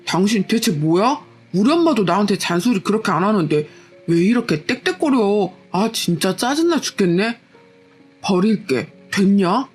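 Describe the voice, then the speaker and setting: A woman's voice: medium pitch, very animated, normal speed, a little mellow, husky, soft background music. A woman voicing a lazy, defensive young husband who whines and brushes off every complaint, as part of a told story. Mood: sulky. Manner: whiny and irritable, brushing off complaints. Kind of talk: storytelling with acted dialogue.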